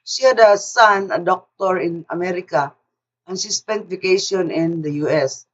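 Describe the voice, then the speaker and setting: A woman's voice: on the low side, moderate pace. An older woman casually telling a personal story, often repeating words and restarting her sentences. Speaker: speaker sharing a personal story. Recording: distant mic, dull lo-fi sound.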